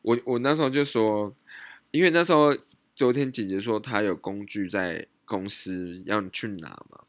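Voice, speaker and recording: A podcast host with a Taiwanese Mandarin accent tells a personal story in a casual solo format. His voice sits on the low side and is a bit bright, recorded dry, at normal speed. He sounds hesitant, restarting often and questioning himself.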